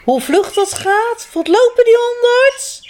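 A shrill, fretful old grandmother, as a woman storyteller puts her on bursts out in gasping exclamations. Her voice leaps up high and swoops widely. Faint noise hangs behind her. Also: lively intonation, slow pace, darkish tone, heavily acted. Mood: amazed. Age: older.

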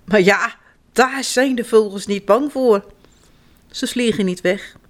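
A woman reading a children's story aloud in an animated, expressive way. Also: fairly high pitch, unhurried.

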